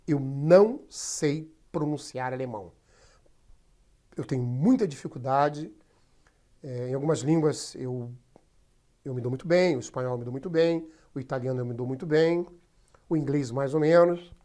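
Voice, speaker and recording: A woman's voice: a bass voice, normal speed, long pauses, dark tone. A woman, teaching a history lesson over slides in a chatty, step-by-step way, often addressing her students directly. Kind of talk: recorded class lecture over slides.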